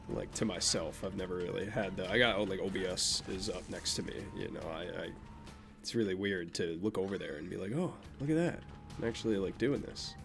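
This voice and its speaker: A young man from Vermont, USA, talks briskly in a low voice with vocal fry and a natural nasality. Game music plays as he rambles through gameplay commentary, offhandedly and self-deprecatingly chatting about his life.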